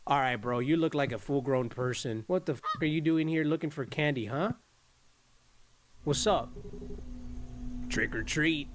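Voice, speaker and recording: Pausing often and keeping a measured pace, this slightly high-voiced male streamer casually comments on a horror game, hurling profane jokes at the characters and mixing Spanish slang into his English. A faint hiss or hum sits under the audio.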